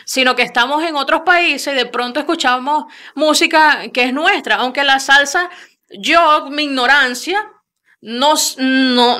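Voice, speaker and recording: A young woman with a Venezuelan accent, hosting a studio interview and telling stories in a lively, gesturing way at a close desk mic. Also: high voice, clean tone. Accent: Venezuelan Spanish. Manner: lively storytelling with many repeats and hand gestures. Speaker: radio host. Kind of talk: casual interview talk. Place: small studio with screen backdrop.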